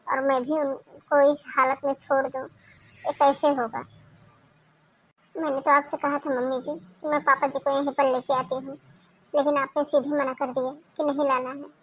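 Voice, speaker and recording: Woman doing a meek young cartoon daughter-in-law, soft, high voice, pleading. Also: flat delivery, normal speed, slight background noise, lightly acted, low-quality recording. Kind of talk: Hindi cartoon voice acting.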